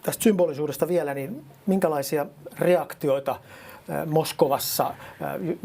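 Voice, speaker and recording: An interviewer asking measured questions in a news studio, pausing with fillers. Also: medium pitch, creaky, warm tone, slightly rough.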